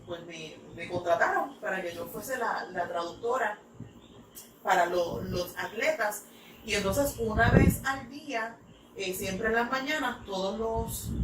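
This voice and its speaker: A woman from New York, an English teacher, telling stories in a church talk with many fillers. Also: mid-range voice. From United States (New York). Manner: rambling, filler-heavy storytelling. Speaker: English teacher, ministry speaker. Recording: echoey room, mic far off, noisy.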